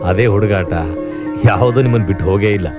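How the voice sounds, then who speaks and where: An actor playing a fond older man of the household who speaks softly. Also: on the low side, fast talker, natural voice. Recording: film soundtrack with loud music.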